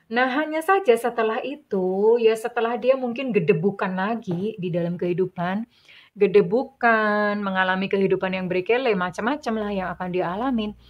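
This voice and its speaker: A woman giving a tarot reading, gentle and measured, calling the listener dear. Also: mid-range voice, dull audio. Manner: slow, measured listing. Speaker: tarot reader.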